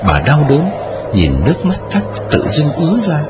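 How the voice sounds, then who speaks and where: A man's voice: wildly swooping pitch, normal speed, highs cut off. Dramatic male ghost-story narrator. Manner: dramatic storytelling with wide swings in pitch. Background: music.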